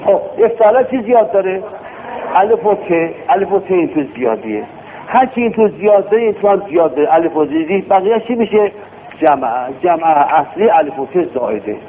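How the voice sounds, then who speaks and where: A man's voice: high-pitched, lively intonation, slight background noise. A man teaching a classroom grammar lesson, drilling words and quizzing his class. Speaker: religious studies teacher. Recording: tinny phone-like lo-fi recording.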